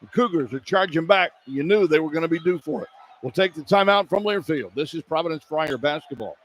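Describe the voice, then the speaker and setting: Lively and brisk, this American man's voice runs on the high side with a slightly bright sound as he handles live radio play-by-play of a basketball game. He follows the action in clipped running phrases from courtside in an indoor arena, over clear background noise from the live broadcast.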